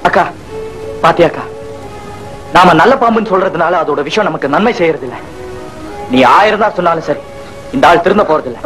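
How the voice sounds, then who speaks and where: An actor playing a hot-headed younger brother in a 1980s Tamil film, earnest and defiant. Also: male voice, on the high side, lively intonation, a little fast, pauses often, a bit bright, rough recording. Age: young adult. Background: film score music.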